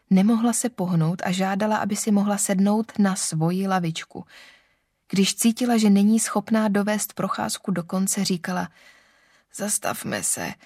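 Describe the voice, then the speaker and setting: A woman narrating a classic novel aloud in a calm, even, literary manner. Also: medium pitch, no room sound, studio quality. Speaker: audiobook narrator.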